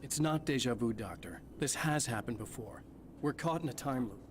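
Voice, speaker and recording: An actor playing an earnest, determined investigator in scripted video game dialogue. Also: male voice, medium pitch, normal speed, a little hiss or hum, lightly acted. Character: earnest, determined male investigator caught in a time loop.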